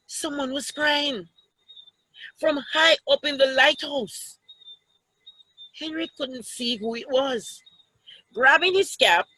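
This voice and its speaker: A woman with a Jamaican accent reads a story to children in an expressive, teacherly way, pausing for asides to her listeners. Her voice is high-pitched. The recording is dry and of poor quality.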